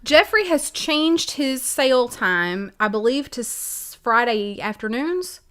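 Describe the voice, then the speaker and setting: Higher-voiced woman calling live bids. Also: lively intonation, fairly bright tone. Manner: brisk bid-calling, playful banter. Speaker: host running live auction bids. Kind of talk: live auction patter.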